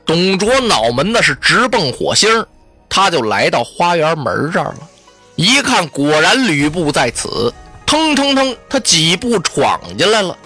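Lively storyteller with playful asides. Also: mid-range voice, a little slow, soft background music. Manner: vivid, with sound effects and playful asides. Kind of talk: traditional Chinese storytelling.

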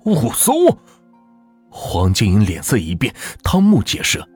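A man narrating a folk ghost story as the channel's host, in a dramatic, lively storytelling manner. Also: deep voice, normal speed, breathy edge, faint music behind.

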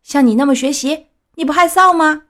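Brief: woman reading as shrill taunting schoolboys, loud and bratty, storybook gang. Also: fairly quick. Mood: jeering. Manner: shrill, jeering and shouty. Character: gang of rude, mocking schoolboys.

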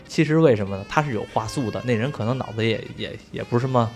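Fast-talking man telling a story. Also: medium pitch, darkish tone, faint music behind. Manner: swears casually, laughs through the story. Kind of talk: casual storytelling chat.

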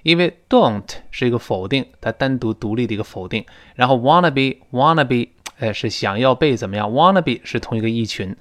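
A mid-range male voice with a Mandarin Chinese accent teaches spoken English. He takes his time explaining and slowly demonstrates phrases that the students then repeat.

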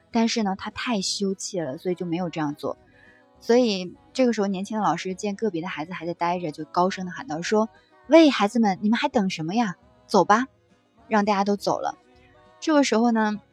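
A woman reading passages from a book aloud and reflecting on them in a gentle, conversational way, with soft fillers between thoughts. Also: medium pitch, breathy edge. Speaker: book-sharing presenter.

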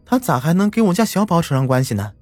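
A man's voice: a little high, sing-song, fast talker, a little mellow, soft background music, pitched above the performer's own voice. A man voicing an anxious, fretful village mother in an audio story, speaking urgently.

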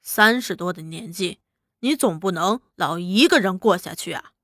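Brief: aging bandit chief, weary and brooding, low and heavy, put on by a woman narrator. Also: normal speed, a bit bright, dry recording, studio quality, close to an everyday voice.

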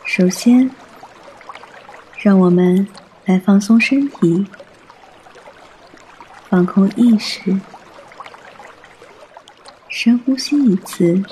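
A man guiding a meditation in a soft, soothing, unhurried way, as a meditation guide. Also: sits high, slight background noise.

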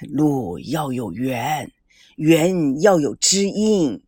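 A woman voicing a gentle, scholarly old grandfather who talks slowly and thoughtfully. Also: fairly low pitch, sing-song, husky, no room sound, studio quality, voice pushed down, exaggerated voice. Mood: solemn. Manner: slow, measured, reflective.

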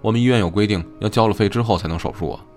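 A man doing a brisk, reproachful doctor. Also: on the low side, a little mellow, faint music behind, lightly acted. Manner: brisk, matter-of-fact, reproachful.

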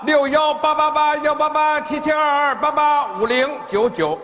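A man playing a scheming phone scammer posing as a police officer in a stage comedy sketch, who gives stern orders and often shouts. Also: very high-pitched, normal speed. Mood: bossy. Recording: reverberant hall with noise.

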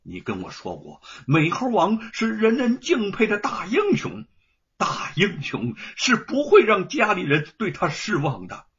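A man's voice: sits high, huge pitch swings, unhurried, fairly bright tone, breathy edge, pitched above the performer's own voice, exaggerated voice. A man storyteller voicing a grieving male scholar who sobs and cries out in bitter self-reproach, on a dull lo-fi recording. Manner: sobbing, cracking outbursts.

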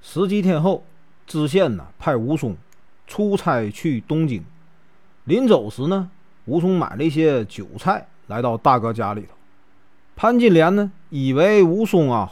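A man from Northeast China, narrating a classic tale in a folksy, chatty way with drawn-out particles. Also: a little high, big pitch swings, darkish tone. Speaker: storyteller.

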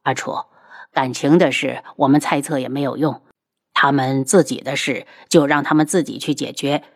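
A woman voicing a calm, protective young prince who soothes his wife in a low, measured voice. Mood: soothing.

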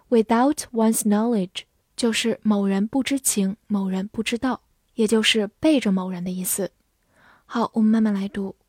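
A woman teaching English vocabulary, spelling words letter by letter and repeating example sentences slowly. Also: mid-range voice, a little mellow, no echo, clean studio sound. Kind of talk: slow, clear vocabulary lesson.

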